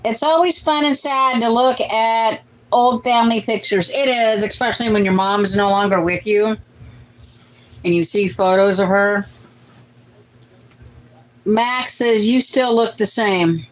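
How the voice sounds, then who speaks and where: A woman's voice: on the high side, unhurried, slight background noise, low-quality recording. Chatty woman in her late forties reading comments. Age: late 40s. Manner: chatty, reads out comments and answers them. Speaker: host of a family cooking livestream. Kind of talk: casual livestream chat, reading viewer comments.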